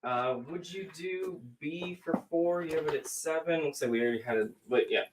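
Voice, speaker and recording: A man co-hosting a live stream, relaying viewer offers in a relaxed, offhand way. His voice is a little higher than most men's, and he laughs easily as he goes. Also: moderate pace, background noise. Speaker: co-host reading viewer offers.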